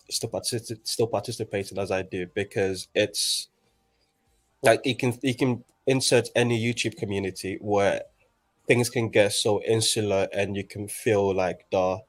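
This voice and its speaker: Halting young man from Nigeria. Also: lowish voice. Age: 20s. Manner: halting, with many restarts. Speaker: guest in a group chat. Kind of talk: casual chat.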